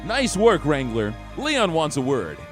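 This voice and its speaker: A man giving excitable, jokey commentary while playing a game on a live stream. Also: a little high, a little slow, soft background music. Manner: excitable, jokey trash talk.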